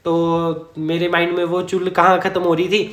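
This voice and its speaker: A man's voice: sits high, little pitch movement, moderate pace, fairly bright tone. A man vlogger telling a personal story in a chatty, rambling way, correcting himself and chuckling as he goes. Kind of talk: casual storytime narration. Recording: echoey room.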